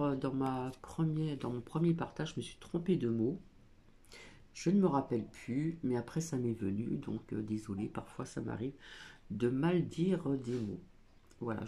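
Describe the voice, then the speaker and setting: A woman's voice: very deep voice, warm tone. A woman doing a casual spiritual card reading at a small table at home, hesitant with many fillers as she reads card texts aloud. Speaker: oracle card reader.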